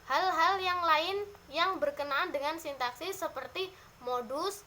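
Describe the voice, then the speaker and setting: A young woman, a student, presenting a lesson on grammar in a measured, list-like way with a few hesitations. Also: sits high, sharp tone, a little hiss or hum, poor audio. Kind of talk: class presentation on syntax.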